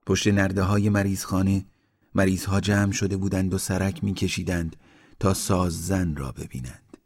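A man reading a literary story aloud in a slow, measured narration that sinks quieter in grim passages. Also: low voice, fairly even intonation, slight background noise.

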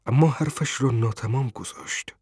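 A man narrating an audiobook in a measured, even storytelling way. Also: mid-range voice, slightly rough, no echo, studio quality.

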